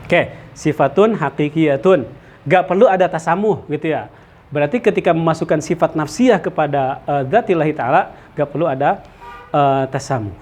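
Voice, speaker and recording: A man leads a study circle lesson. His voice sits high for a man. He explains slowly, with many fillers and Arabic terms, and often checks in with his listeners. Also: darkish tone. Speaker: teacher of Islamic theology.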